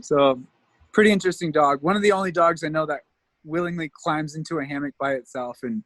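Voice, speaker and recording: A man's voice: fairly high pitch, brisk, a bit bright, dry recording. A man from Canada, a tour guide, telling rambling stories in a casual interview, laughing often and leaning on fillers.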